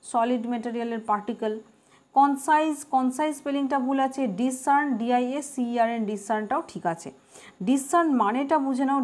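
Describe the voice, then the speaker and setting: A woman's voice: high-pitched, a little mellow. A woman teaching an exam-prep grammar lesson, explaining words patiently, repeating them and spelling them out letter by letter. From West Bengal.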